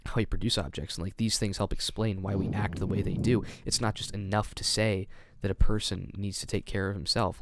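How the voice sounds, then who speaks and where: A man's voice: on the low side, gravelly, no room sound, clean studio sound. A man hosting a casual discussion, talking in an emphatic, argumentative way. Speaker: host.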